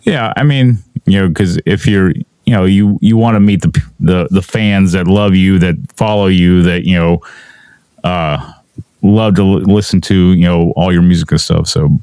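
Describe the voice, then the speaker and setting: Low-voiced podcast host, keeps saying "you know", dry close sound. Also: male voice, dark tone, clean tone, dry recording. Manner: halting, fills with "you know" and "I mean". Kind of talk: casual podcast chat.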